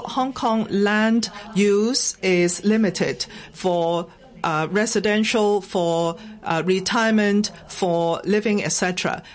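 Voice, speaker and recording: Slow woman giving a translation voice-over. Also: mid-range voice. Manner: halting, with pauses and fillers. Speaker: interpreter. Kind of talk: live interpretation voice-over.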